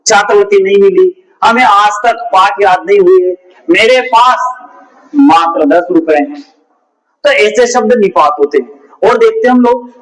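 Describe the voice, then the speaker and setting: Guy teaching hindi grammar, pretty high voice, keeps repeating stuff and asking questions. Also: poor audio. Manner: repetitive, asks rhetorical questions. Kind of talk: classroom-style grammar lesson.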